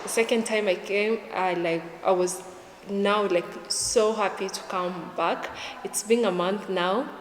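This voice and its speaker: A woman's voice: medium pitch, steady tone, measured pace, a little hiss or hum. A young woman from Kenya, chatting casually in an interview, with lots of fillers. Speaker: YouTuber guest. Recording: echoey room with long reverb.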